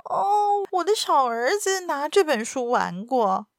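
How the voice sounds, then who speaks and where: A woman reads a flustered noblewoman whose voice jumps high and tight with alarm. The sound is dry and close, without room echo. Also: big pitch swings, slow pace, gravelly, heavily acted. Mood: startled. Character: frightened noblewoman mother, adult.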